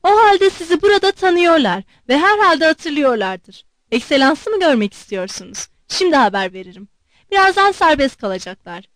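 A woman's voice: sits high, sing-song, moderate pace, a bit bright, no room sound. A woman voicing a polite but watchful young male secretary in an audiobook, speaking courteously.

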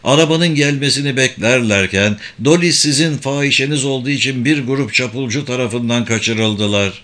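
A man's voice: mid-range voice, normal speed, pushed and bright, close to an everyday voice. A man voicing a bitter young fighter. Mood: accusing. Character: young male resistance fighter, grief-stricken and bitter.

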